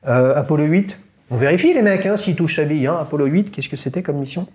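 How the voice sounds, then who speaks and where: Guy hosting a chat, jokey quizmaster energy, slightly high voice. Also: animated, fast, darkish tone. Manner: playful, teasing quizmaster. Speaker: host. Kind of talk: casual interview and quiz.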